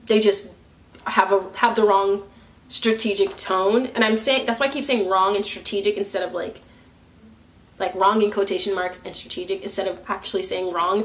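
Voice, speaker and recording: A young woman speaks openly to her camera in a relaxed, chatty vlog. She laughs often and slips into quick impressions of other people while she talks. She is curling her hair as she goes. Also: medium pitch. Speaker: vlogger. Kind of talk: candid personal vlog.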